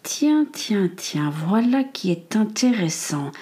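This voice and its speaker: A woman's voice: sing-song, dark tone. A woman doing a sly muttering male spy. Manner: slow, low muttering. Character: sly lurking male spy, scheming and greedy.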